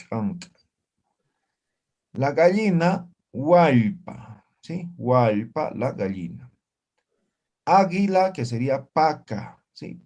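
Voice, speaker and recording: Slow, lively male teacher. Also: medium pitch. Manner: slow and lively, repeats each word and keeps asking the class "¿no?". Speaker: Aymara language teacher. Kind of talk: online language class.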